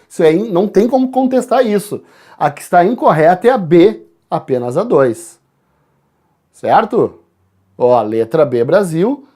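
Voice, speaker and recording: A man from Brazil, a teacher walking students through exam answers, calling out letters and addressing the class. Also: high-pitched. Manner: lively, addresses students directly, spells out letters.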